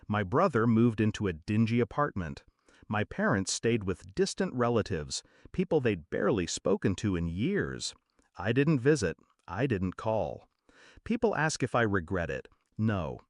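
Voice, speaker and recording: A man reading a first-person story aloud in a measured, dramatic storytelling manner. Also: lowish voice, very animated, no room sound, clean studio sound. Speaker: story narrator.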